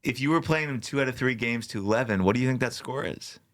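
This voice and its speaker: A man's voice: medium pitch, quick pace, a bit bright. A man co-hosting a podcast in casual chat, asking pointed, probing questions. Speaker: podcast co-host.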